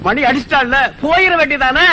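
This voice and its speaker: A man's voice: very high voice, brisk, bright, forceful tone, a little hiss or hum, full character voice. An actor playing a sly village friend who needles his pal with jokey advice in a film comedy. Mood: teasing. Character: sly, teasing middle-aged village buddy. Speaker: friend of the father. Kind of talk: Tamil film comedy dialogue.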